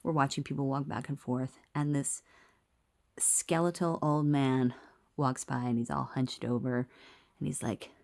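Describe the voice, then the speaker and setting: A woman speaks into a handheld phone camera in a small clinic room, recording her video diary. Her voice sits very low and she takes her time, talking candidly with a wry edge and sometimes slipping into a whisper. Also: steady tone, a little slow, darkish tone. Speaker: video diarist. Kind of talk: casual personal video diary.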